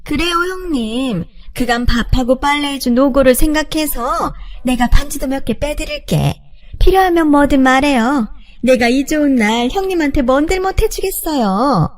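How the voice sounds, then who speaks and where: A woman's voice: high-pitched, lively intonation, moderate pace. A woman doing a syrupy, gloating mistress. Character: smug mistress, syrupy second wife.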